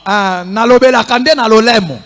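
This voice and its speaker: A man's voice: high-pitched, moderate pace, a bit bright, big-room sound. A man interpreting a sermon live, delivering it one short phrase at a time.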